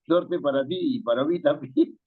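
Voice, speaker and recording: A man teaching an online spelling class, patient and questioning, chuckling now and then. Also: fairly high pitch. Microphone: video call. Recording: tinny phone-like call audio.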